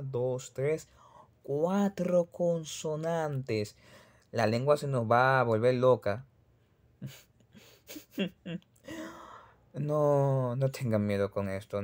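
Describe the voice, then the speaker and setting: A man's voice: mid-range voice, darkish tone, clear, resonant tone. A man with a Caribbean Spanish accent giving a pronunciation lesson, patiently repeating sample words one by one. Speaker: Russian language teacher.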